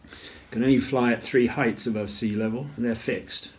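An older man recalls events at a measured storytelling pace in an interview, often clearing his throat. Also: mid-range voice, steady tone, slight background noise. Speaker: retired naval officer interviewee. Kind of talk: interview recollection.

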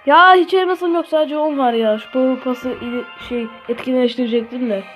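A woman with a Turkish accent giving live commentary on her own gameplay, swearing and shouting at opponents. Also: sits high, a little fast. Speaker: gaming channel host. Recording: faint game music behind.

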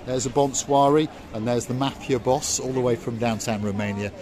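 A man's voice: mid-range voice, normal speed. A middle-aged man co-hosting a vlog, giving jokey, showman-like walking-tour commentary on an outdoor harbour promenade at night, recorded on a phone held at arm's length. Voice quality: chatty, teasing, showman-like. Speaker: vlog co-host and tour guide. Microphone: phone camera at arm's length. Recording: busy crowd chatter around.

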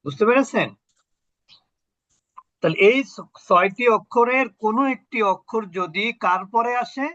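Male Quran recitation teacher, patient, quizzes students; high voice, dry, dull audio. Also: animated, a little slow, fairly bright tone, dry recording. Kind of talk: online tajweed lesson.

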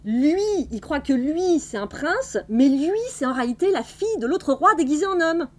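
Woman doing a high timid young witch. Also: expressive, moderate pace. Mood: hesitant. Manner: hesitant, timid. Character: nervous young witch woman, anxious and sour.

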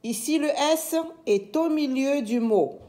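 A woman teacher giving a slow reading lesson to young pupils, saying each word with care and spelling out the letters. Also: high voice, lively intonation, mellow. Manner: slow, deliberate, over-articulated dictation.

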